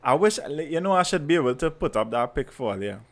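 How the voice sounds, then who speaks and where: Trini guy, bit higher pitched, animated storytelling in creole, repeats himself for emphasis, just chatting. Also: brisk. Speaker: podcast host. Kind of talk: casual anecdote chat.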